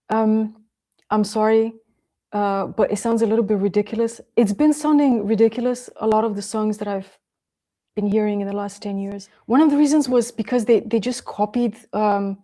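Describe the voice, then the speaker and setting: A woman interviewer with a mellow, warm voice talks casually with a guest. She hesitates often and pauses to find her words. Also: mid-range voice. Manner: hesitant, many fillers and apologies.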